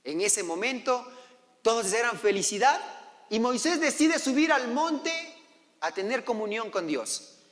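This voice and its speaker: A man's voice: very high-pitched, animated, measured pace, a bit bright. A man preaching a sermon as pastor, telling the story and acting out the voices of its characters. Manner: storytelling, acting out quoted voices, asking the congregation. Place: church hall. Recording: long church hall reverb.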